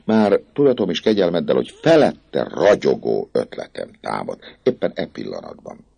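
Brief: a boastful, jittery poet, a gravelly-voiced male reader putting him on, full of fussy patter and wide swoops. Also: extremely low pitch, very animated, mellow, dry recording, voice pushed up, heavily acted. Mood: chattering, scheming. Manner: rapid, fussy, self-pleased patter. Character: chatty scheming male poet, nervous and boastful.

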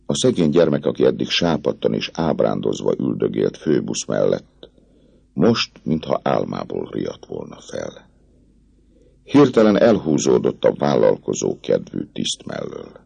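A man narrating a literary novel in a slow, dramatic storytelling manner. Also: rumbling low, very animated, vocal fry, darkish tone, slightly rough, highs cut off. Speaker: audiobook narrator.

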